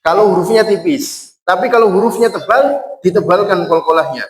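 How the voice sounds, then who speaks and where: A middle-aged man with a Javanese accent teaching Quran recitation, drilling words slowly and repeating each one for his listeners. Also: high voice, recorded from a distance. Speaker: Islamic religious teacher. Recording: echoey room.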